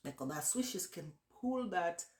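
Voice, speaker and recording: Someone vlogging casually, medium pitch, explains stuff and repeats it, pretty echoey room. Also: lively intonation, unhurried, a little mellow. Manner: repetitive explaining, addressing the viewer directly. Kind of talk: casual first-person vlog recounting an experience with practical tips. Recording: roomy, echoey sound.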